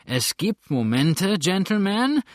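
Give me a drunken young fop, slurred and slow with wild high swoops, as a man reading a storybook plays him. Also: very animated, no echo, clean studio sound, heavily acted. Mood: drunken mocking. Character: drunken young male dandy, boastful and sentimental. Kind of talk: audiobook character voice.

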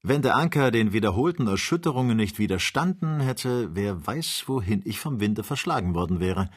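A composed, learned doctor, read by a man in a storybook reading. He speaks in a low, husky voice, measured and reflective. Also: animated. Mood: thoughtful. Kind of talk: audiobook character voice.

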